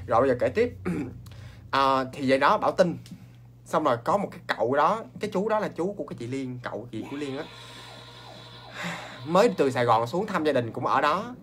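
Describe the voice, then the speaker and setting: A man with a Southern Vietnamese accent, hosting a ghost story show in a chatty, animated way and talking straight to his viewers. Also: on the high side. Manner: animated, talks straight to viewers, quick asides and laughs.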